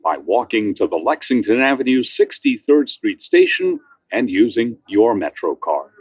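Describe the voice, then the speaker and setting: A man gives a formal, scripted subway announcement with clear instructions to passengers. His voice is husky and swings very widely in pitch from phrase to phrase. The audio is muffled and somewhat dull. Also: wildly swooping pitch, moderate pace. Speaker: transit announcer.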